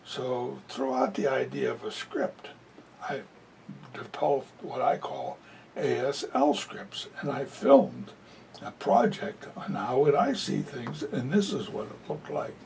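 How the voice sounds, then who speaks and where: A man serving as sign language interpreter voices a presenter, providing live spoken interpretation of a talk. He speaks slowly and conversationally, scattering "you know" fillers throughout, his gravelly voice rising and falling in a lively way. He's heard from a distance in a hall over a faint low rumble.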